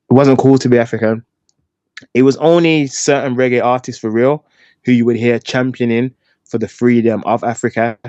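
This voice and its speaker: A man's voice: medium pitch, mellow, dry recording. A man, co-hosting a podcast and giving his candid opinions in a casual chat. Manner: candid, chatty, talks through his opinions. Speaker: podcast co-host. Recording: dull, slightly lo-fi dry sound.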